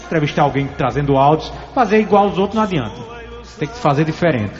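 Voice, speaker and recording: A man's voice: fairly high pitch, animated, fast, long reverb tail, dull audio, faint music behind. A man from Alagoas hosting a sports interview, chatty and storytelling, often laughing. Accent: Alagoas Brazilian. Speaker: radio sports host. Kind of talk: conversational interview.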